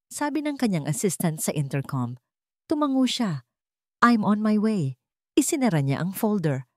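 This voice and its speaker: A woman with a Filipino accent narrates a scripted dramatic story in a fairly low, somewhat mellow voice. The studio sound is clean, with no room sound.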